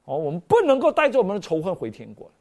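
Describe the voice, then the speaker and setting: Speaking rapid-fire in a medium-pitched voice, a preacher delivers an animated, exclamatory sermon packed with rhetorical questions aimed at the congregation.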